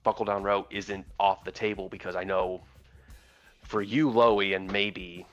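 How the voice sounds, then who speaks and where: A man talking through plans as a player in a tabletop role-playing game, in a halting, deliberate way. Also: low-pitched, flat delivery, fairly bright tone. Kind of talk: in-character discussion at a tabletop game. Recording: dull sound with music behind.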